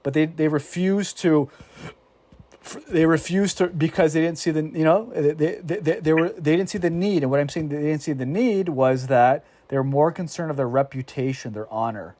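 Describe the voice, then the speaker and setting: A man leading a casual Bible discussion, animated, often restarting his sentences and acting out quoted exchanges. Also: a little high, normal speed. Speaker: Bible study teacher.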